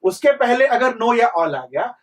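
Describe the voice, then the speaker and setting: A man's voice: very high-pitched, sing-song, measured pace, recorded from a distance. A young man teaching an exam-prep reasoning lesson, repeating points and quizzing students with rhetorical questions. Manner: mixes English terms into Hindi speech.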